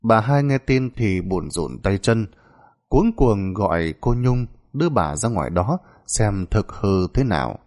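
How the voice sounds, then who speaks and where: A man narrating a dark folk tale in a dramatic, expressive storytelling style. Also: lowish voice, measured pace.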